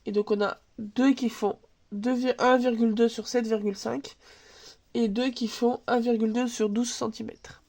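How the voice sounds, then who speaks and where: Her voice is slightly high and darkish, steady in tone and moderately paced, with the nasal stuffiness of a cold. She hosts a laid-back crafts tutorial from her table at home, thinking aloud, chatting, and dropping filler words, all captured by an overhead camera.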